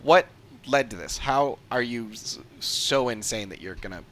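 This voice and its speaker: A game streamer delivers casual, off-the-cuff livestream commentary, emphatic and repeating points to stress them. His mid-range voice is expressive and fairly bright at a moderate pace, with slight background noise.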